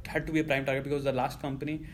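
An Indian man in his thirties with an Indian accent tells his story as a guest in a casual interview, cursing often and rambling with plenty of "you know" fillers. His mid-range voice races along with little pitch movement, over heavy background noise.

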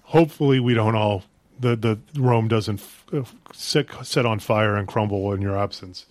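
A man's voice: lowish voice, moderate pace, darkish tone. A man hosting a casual podcast, jokey and rambling, often restarting his sentences. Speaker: podcast host and home care business owner.

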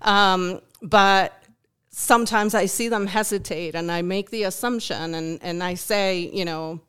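A woman from Uruguay, a food bank volunteer whose first language is Spanish, is a guest on a podcast interview, speaking English with a Uruguayan Spanish accent. She is thoughtful, with many ums and restarts. Her mid-range voice is unhurried, a bit bright, and clean in tone.

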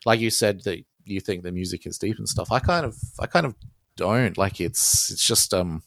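A man's voice: low-pitched, moderate pace, vocal fry, fairly bright tone, no echo, studio quality. An Australian man being interviewed on a podcast about his music, talking in a rambling, self-deprecating way and laughing often. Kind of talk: casual interview chat.

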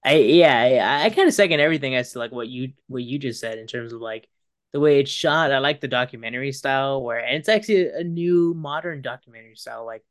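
A man's voice: medium pitch, no room sound. Rambling casual podcast man, dry sound. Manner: rambling, halting, many fillers and restarts. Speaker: podcast co-host. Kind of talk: casual film discussion.

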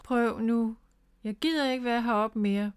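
A woman's voice: a little high, clean tone, close to an everyday voice. A woman reading aloud and voicing a small, playful young female animal who squeals and pleads like a child. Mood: whiny.

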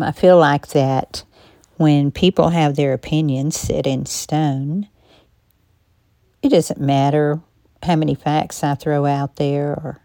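A podcast host with a low, gravelly, hoarse voice and a non-native English accent delivers a personal monologue slowly and thoughtfully. Her manner is calm, reflective and measured, with frequent pauses between thoughts, and the mic sound is close and dry with no echo.

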